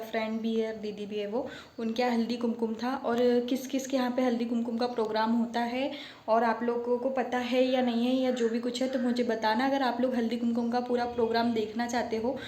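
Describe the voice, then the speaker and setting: Chatty young woman vlogger, higher voice. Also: darkish tone, a little hiss or hum. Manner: chatty, keeps addressing viewers as guys. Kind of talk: casual vlog chat to viewers.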